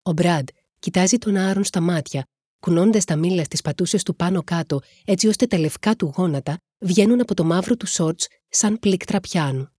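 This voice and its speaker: A woman reading a novel aloud in a steady, even storytelling manner. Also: lowish voice, breathy edge, no room sound, studio quality. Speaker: audiobook narrator.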